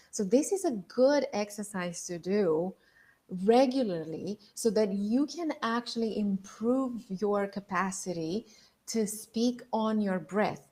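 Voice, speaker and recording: A woman's voice: mid-range voice, a little mellow. A woman giving an instructional lesson as a voice and public-speaking coach, explaining with emphasis on key words.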